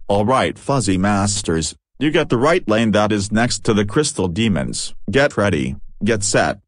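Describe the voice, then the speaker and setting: Low-voiced hobby cartoon host. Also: male voice, unhurried. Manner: plain, even, announcing. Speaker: host and narrator. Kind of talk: hobby cartoon elimination show narration.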